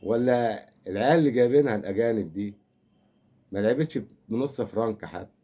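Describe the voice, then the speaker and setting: His voice sits on the low side, warm in tone and fast-paced. He's an older Egyptian-accented football fan commentator whose comic rant rambles along, teasing and mock-consoling.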